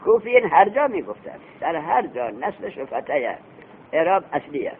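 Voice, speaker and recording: A male grammar teacher lectures with a lively, swinging delivery, pitched a little high for a man. He drills his students with questions and answers them himself, and he chants the Arabic text slowly before explaining it. The recording is thin and phone-like, with a faint hiss underneath.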